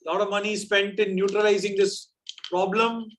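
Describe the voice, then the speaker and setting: A man's voice: sits high, level tone, moderate pace. A man with a South Indian accent hosts a live quiz, explaining off the cuff in a chatty, teasing way. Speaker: quiz host.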